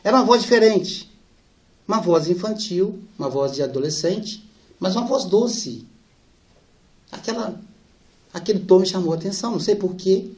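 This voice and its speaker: A man giving a spiritist lecture, telling family anecdotes lively and softening for the sad parts. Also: sits high, normal speed, long pauses. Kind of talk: storytelling lecture.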